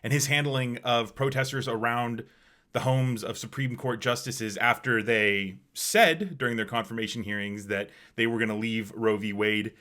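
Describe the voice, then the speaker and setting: A man's voice: medium pitch, steady tone, moderate pace, sharp tone. Scornful man giving political commentary. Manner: scornful, emphatic. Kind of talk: opinion commentary.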